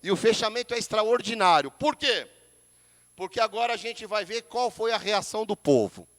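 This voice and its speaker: A Brazilian pastor with a high-pitched voice preaches with emphasis and keeps turning to the congregation as brother. His delivery moves between soft asides and raised declarations, and a long church reverb follows every phrase. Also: lively intonation, moderate pace. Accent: Brazilian Portuguese. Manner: emphatic, repeatedly addresses listeners as brother. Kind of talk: sermon.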